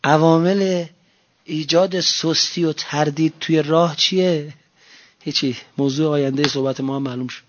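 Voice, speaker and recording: A man preaching a religious sermon, moving between soft, low talk and loud shouted cries. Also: fairly even intonation. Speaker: cleric preacher. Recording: dull lo-fi recording.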